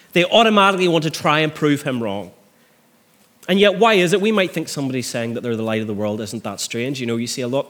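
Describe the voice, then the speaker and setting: A man's voice: on the high side, a bit bright. A middle-aged man preaching a sermon as a minister. He builds to emphatic peaks and often repeats words as he restarts.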